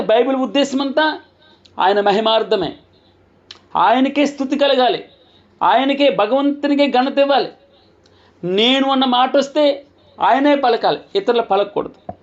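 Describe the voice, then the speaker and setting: A man preaches a sermon in a very high voice. He hammers his points home by repeating key phrases and speaks straight to his listeners. The recording sounds dull and lo-fi.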